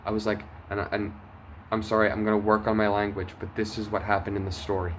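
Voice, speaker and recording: A man sharing a personal testimony, earnest and emotional, going from urgent bursts to hushed quiet. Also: fairly low pitch, monotone, fast, slight background noise. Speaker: testimony vlogger.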